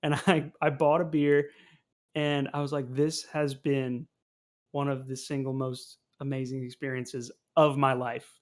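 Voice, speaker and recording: A man's voice: mid-range voice, little pitch movement, a little slow. A man in his twenties, a podcast co-host, telling stories animatedly and laughing often in casual chat.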